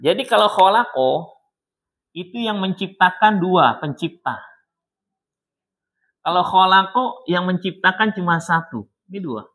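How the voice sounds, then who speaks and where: A man teaching a Quran recitation class in a mosque study circle, explaining plainly, chanting verses in slow melodic recitation and quizzing students by name. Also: high-pitched, expressive, a bit bright. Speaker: Islamic teacher.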